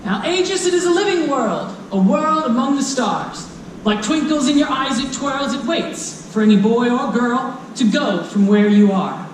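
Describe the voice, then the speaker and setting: On a convention stage before a live audience, a storyteller with a high, lively voice at normal speed presents a children's book of rhyming fantasy. The reading is dramatic and playful, addressed directly to the listeners. The hall is echoey, with a distant mic and faint noise.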